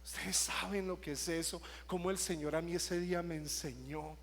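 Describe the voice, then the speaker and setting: High-voiced man preaching. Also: fairly even intonation, normal speed, creaky, a bit bright, big-room sound. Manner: storytelling, rising to emphatic preaching. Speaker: worship teacher. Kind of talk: sermon.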